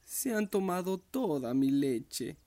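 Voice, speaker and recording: Storybook baby bear, tiny and weepy, high soft voice, slow, acted by a man. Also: very animated. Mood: tearful. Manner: crying, soft voice.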